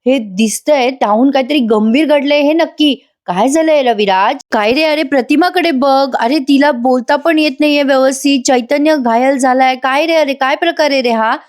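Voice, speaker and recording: Brief: woman reading a worried father, pressing and pitched up. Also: fairly quick, darkish tone, lightly acted. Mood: alarmed. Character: alarmed older father of the house.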